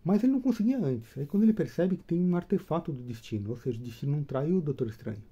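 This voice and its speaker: A man casually retelling a comic book story, chatty and animated, tagging his sentences with questions. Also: on the high side, racing, husky, highs cut off.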